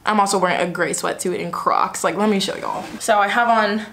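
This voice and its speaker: A woman's voice: mid-range voice, a little fast, fairly bright tone, a little hiss or hum. Young girl vlogging in a common room, chatty, kinda self-deprecating. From Alabama. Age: young adult. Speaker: student vlogger. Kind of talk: casual vlog chat.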